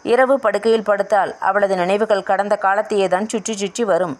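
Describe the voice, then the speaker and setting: A woman's voice: mid-range voice, steady tone, moderate pace. Woman narrating a family audio novel. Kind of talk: storytelling narration with dialogue.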